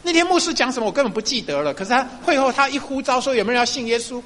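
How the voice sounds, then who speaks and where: 一位中年男牧师在讲道中分享自己的见证，语气随意，常常笑，口头语很多。. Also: male voice, very high voice, animated, racing, a bit bright. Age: middle-aged. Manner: chatty, laughs often, frequent fillers. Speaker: pastor. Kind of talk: sermon testimony.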